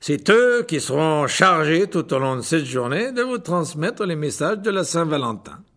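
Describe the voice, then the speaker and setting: A man's voice: on the high side, very animated, normal speed, fairly bright tone, pitched above the performer's own voice. A man voicing a vain, flamboyant male wizard teacher who exclaims theatrically and laughs at his own jokes, in an audiobook reading. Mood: showy.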